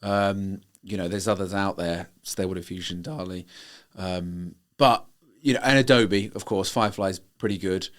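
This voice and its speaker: A man's voice: deep voice, fairly even intonation, normal speed. A man from Britain co-hosting a tech podcast, explaining things in a matter-of-fact, casual way. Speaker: podcast co-host. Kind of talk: casual chat.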